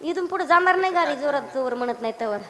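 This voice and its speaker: A woman's voice: sits high, animated, fast, a bit bright, faint music behind. A woman preacher giving a devotional kirtan sermon, teasing and quizzing her audience and breaking into song. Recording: long hall reverb.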